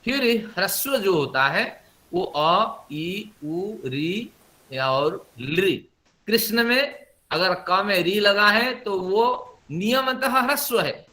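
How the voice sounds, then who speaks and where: Middle-aged male recitation teacher, bright, fairly high voice, patient step-by-step explaining with chanted demonstrations. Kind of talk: spoken Sanskrit pronunciation lesson.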